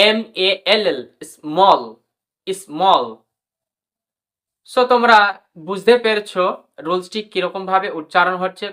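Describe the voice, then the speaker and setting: A woman's voice: medium pitch, a bit bright. A woman teaching English pronunciation in a lesson, spelling out letters, drilling words and repeating each rule. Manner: repeats rules, addresses viewers as brother and sister. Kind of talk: classroom lesson explaining rules.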